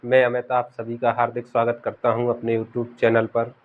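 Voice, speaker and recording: A man's voice: medium pitch, completely flat delivery, moderate pace. A young man teaching an online exam-prep grammar lesson. He repeats key words and keeps asking the class rhetorical questions. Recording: dull lo-fi recording.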